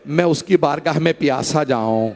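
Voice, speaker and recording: A male preacher voicing a doomed captive man, speaking low, hushed and mournful. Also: moderate pace, creaky. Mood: solemn. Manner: solemn, mournful. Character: doomed captive martyr, grave and sorrowful man.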